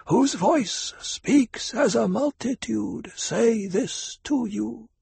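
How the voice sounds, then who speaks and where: A man voicing an ancient, frail but commanding woman priestess, with a harsh whispered voice and slow, solemn ritual intoning in an audiobook. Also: very high-pitched, expressive, vocal fry, warm tone, slightly rough, dry recording, voice pushed up, heavily acted. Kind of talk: audiobook character voice.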